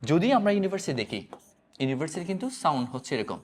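A man's voice: fairly high pitch, very animated, racing, slight background noise. A man teaching an English grammar lesson, repeatedly asking his students questions and drilling the answers. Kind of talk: classroom-style grammar lesson.

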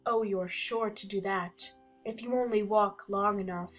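A woman's voice: mid-range voice, steady tone, a little slow, a bit bright, faint music behind, close to an everyday voice. A woman playing a mad, teasing talking cat who speaks in matter-of-fact riddles in a dramatized audiobook.

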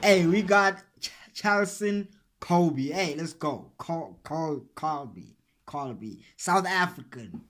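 Slow-talking excitable young man, music behind. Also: a little high. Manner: excitable, slangy, keeps saying "hey, bro". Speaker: reaction video host. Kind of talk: casual reaction commentary. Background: clear music from the clip being watched.

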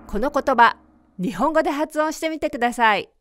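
A woman teaching English pronunciation in a clear, careful, scripted way. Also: high voice, expressive, normal speed, a bit bright, slight background noise. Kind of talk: scripted lesson narration.

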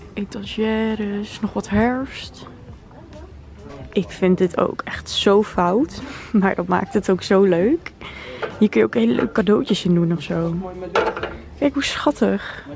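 A woman's voice: mid-range voice, gravelly. A woman in her twenties chatting enthusiastically to viewers in a shopping vlog, recorded at home and then in a store. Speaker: vlogger. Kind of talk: casual shopping vlog chat. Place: home living room, then inside a store.

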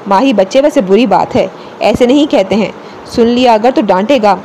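A woman narrator voicing a young man gently scolding his little sister in an audiobook story. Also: a little high, slight background noise, lightly acted. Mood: fond. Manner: mild, affectionate.

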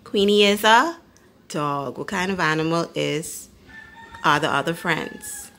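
A woman reading a children's story aloud in a teacherly way, pausing to ask her young listeners questions. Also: lowish voice, lively intonation, fairly bright tone.

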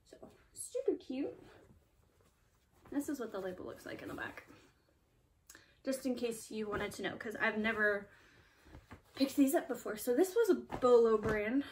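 A woman's voice: a little high, distant mic, a little hiss or hum. A young woman chatting casually through a thrift haul video, enthusiastic and full of fillers. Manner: chatty, filler-heavy, enthusiastic about finds. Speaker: thrift reseller vlogger.

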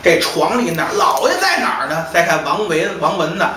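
一位带北京口音的男说书人，在书馆里说单口相声，讲得活泼，时常喊着演对话。. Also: male voice, on the high side, brisk. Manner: lively, acts out dialogue with shouts. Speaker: storyteller. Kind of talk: traditional solo comic storytelling. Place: storytelling hall. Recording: echoey distant hall, faint noise.

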